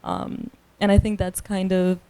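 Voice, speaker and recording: A woman's voice: mid-range voice, little pitch movement, unhurried, mellow, smooth, no echo. A woman on a panel at a book reading, speaking reflectively. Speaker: author on a panel.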